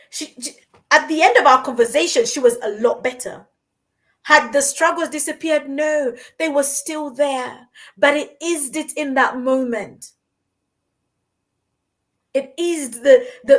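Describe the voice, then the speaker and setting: In London, a woman from Uganda hosts a podcast in a conversational style. She speaks in a high voice at a measured pace, sounding earnest and encouraging, and tends to repeat her words.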